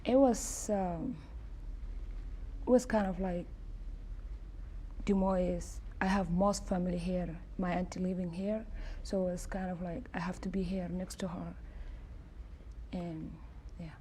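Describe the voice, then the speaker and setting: A woman's voice: on the low side, fairly even intonation, a little slow, pauses often, warm tone, husky. Hesitant woman from South Sudan. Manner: hesitant, simple phrasing. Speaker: interviewee, homeowner. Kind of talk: interview answers.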